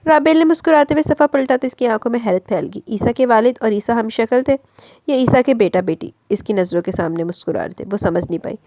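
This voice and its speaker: Fast-reading woman narrating a novel. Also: a little high, lively intonation, warm tone, dry recording. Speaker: audiobook narrator.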